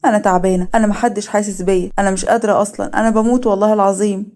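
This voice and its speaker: A woman's voice: mid-range voice, level tone, rapid-fire, a little mellow, natural voice. A woman with an Egyptian accent voicing a grieving young woman who pleads and pushes others away. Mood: despairing. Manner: pleading, defensive.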